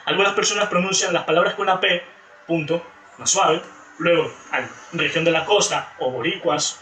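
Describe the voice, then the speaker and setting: A male teacher with a high-pitched, sharp voice gives a class presentation, explaining through examples and frequently correcting himself along the way. He is recorded from a distance in an echoey room, with faint music and a little hiss or hum.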